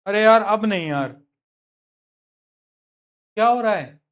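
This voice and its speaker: A man's voice: high-pitched, lively intonation, takes it slowly. A man teaching a live online science class in Hindi, chatty and teasing his students, slipping into English terms.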